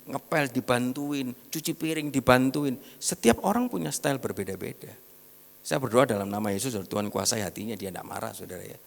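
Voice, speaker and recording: Middle-aged male preacher, East Javanese accent, mid-pitched and gravelly, storytelling sermon in a reverberant hall. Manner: storytelling, mixing in regional slang, acting out quoted voices. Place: large church hall.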